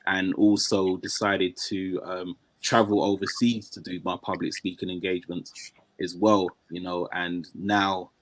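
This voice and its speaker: A man's voice: deep voice, little pitch movement, unhurried, a bit bright. A man speaking as a guest in a casual conversation, with many fillers and restarts.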